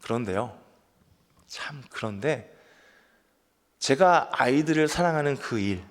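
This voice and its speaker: A man's voice: medium pitch, animated, measured pace. Earnest preaching man in a reverberant church. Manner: earnest, asks listeners questions, builds to emphatic peaks. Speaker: pastor. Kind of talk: sermon. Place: church sanctuary. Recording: long church hall reverb.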